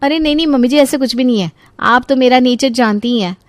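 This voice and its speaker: A woman's voice: sits high, fast talker, dry recording, pitched above the performer's own voice, lightly acted. A woman voicing a cheerful, carefree young daughter-in-law who breezily shrugs off every scolding in a cartoon story. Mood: breezy. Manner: breezy, chirpy, brushes off scolding.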